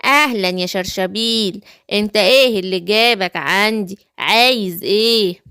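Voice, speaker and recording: A woman's voice: medium pitch, normal speed, sharp tone, clean tone, dry recording, clean studio sound. A woman with an Egyptian accent voicing a wicked, scheming witch in a home-made children's story play. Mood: sly. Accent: Egyptian Arabic.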